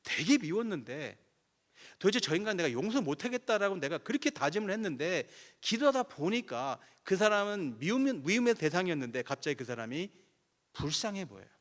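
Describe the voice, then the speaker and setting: Male guest pastor, revival sermon, lively and wide-ranging delivery, plays both voices in his stories. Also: high-pitched, a little fast. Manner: animated storytelling, acting out both sides of conversations. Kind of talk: sermon with acted prayer dialogue.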